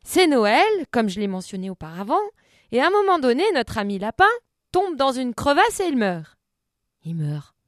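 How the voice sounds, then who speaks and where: A woman's voice: a little high, very animated, moderate pace, no room sound, studio quality. A woman hosting a comic radio show, telling a story in a playful, mock-earnest way.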